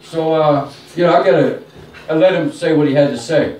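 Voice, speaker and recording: A man's voice: a little high, brisk, darkish tone. A male stand-up comedian telling a crude, profane story to a small bar crowd. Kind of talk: stand-up set. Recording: roomy live room from a distance.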